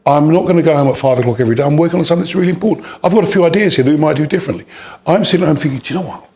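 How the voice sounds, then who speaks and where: A man's voice: on the high side, racing, dark tone. A man from Gambia giving emphatic interview answers on leadership, building his points in rhythmic repeated lists. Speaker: leadership speaker.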